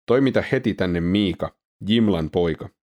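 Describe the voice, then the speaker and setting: A man's voice: deep voice, expressive, darkish tone. A man voicing a resentful, commanding king of Israel in a scripture reading.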